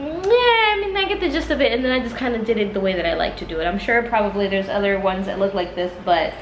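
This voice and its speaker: A woman's voice: medium pitch, roomy sound, slight background noise, poor audio. A young adult woman chatting informally and rambling along in a casual vlog, talking to a camera at arm's length indoors. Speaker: vlogger. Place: living room, indoors. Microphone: camera at about arm's length.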